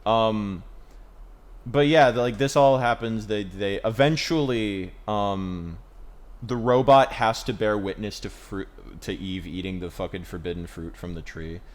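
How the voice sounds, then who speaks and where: A man's voice: fairly low pitch, measured pace. A man co-hosting a casual podcast, rambling and swearing as he retells a show and acts out its lines. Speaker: podcast co-host. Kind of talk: casual chat.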